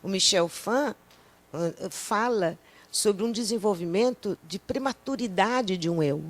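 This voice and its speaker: A woman's voice: medium pitch, measured pace. Woman panelist, associative and rambling delivery, mid-range voice. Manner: associative, rambling, many fillers and restarts. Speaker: psychoanalyst panelist. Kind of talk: academic panel talk. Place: lecture hall at a panel event.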